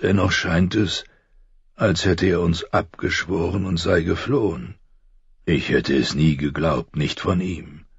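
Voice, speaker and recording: A man voicing a stern, weary old military commander with a deep, gravelly voice. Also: steady tone, unhurried, no room sound, highs cut off, heavily acted.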